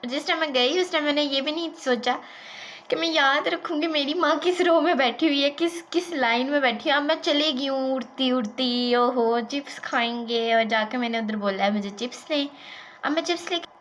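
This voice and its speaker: High-voiced chatty woman storyteller. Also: normal speed, a little hiss or hum. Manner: animated, chatty storytelling mixed with English words. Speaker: vlogger. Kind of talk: casual storytime vlog.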